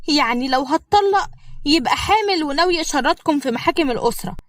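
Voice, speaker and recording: A woman voicing a dramatic, pleading young wife with an Egyptian Arabic accent, in a shrill, whiny, theatrical manner. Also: lively intonation, quick pace. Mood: coy.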